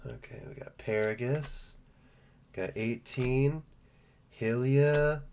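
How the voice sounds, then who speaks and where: A man's voice: mid-range voice, takes it slowly, vocal fry, darkish tone, a little hiss or hum. A man hosting a live stream, chatting casually and joking while opening trading card packs. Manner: joking, rambling, playful.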